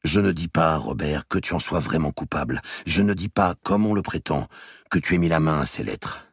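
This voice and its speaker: A man reading an audiobook voices a weary, earnest medieval king in a grave, measured, very deep and creaky voice. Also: no room sound, studio quality, full character voice. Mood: pleading.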